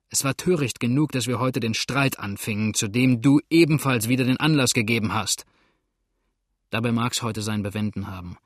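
A gruff, scarred boat steersman with a steady, commanding manner, as a male storyteller puts him on. He talks in curt orders at an ordinary pitch. The reading is close and dry. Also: no room sound, natural voice.

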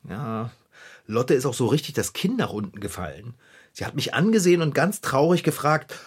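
A man playing an excitable, fussy, cake-loving character in a children's radio play, telling his woes dramatically. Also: mid-range voice, normal speed, husky. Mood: sulky. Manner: dramatic, flustered, whiny storytelling.

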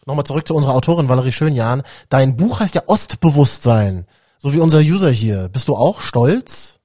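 A man's voice: medium pitch, lively intonation, a little fast, warm tone. A man hosting a podcast, posing questions to his guests and handing over to callers. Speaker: podcast host. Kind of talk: podcast moderation.

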